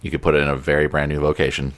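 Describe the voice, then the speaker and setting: A man's voice: very deep voice, monotone, very fast. A man co-hosting a podcast, chatting casually and joking, with lots of fillers. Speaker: podcast co-host. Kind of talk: casual chat.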